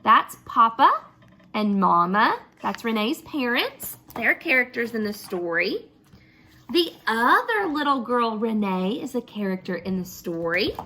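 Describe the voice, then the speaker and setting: A woman's voice: on the high side, unhurried, a little hiss or hum. A woman teacher reading a picture book aloud to children and then asking the class questions about it. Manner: expressive, asks children questions.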